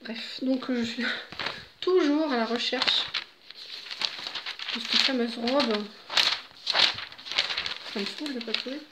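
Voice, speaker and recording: A woman's voice: a little high, takes it slowly, long pauses, very noisy. A middle-aged woman at home, chatting casually and rambling with laughs and fillers. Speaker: vlogger.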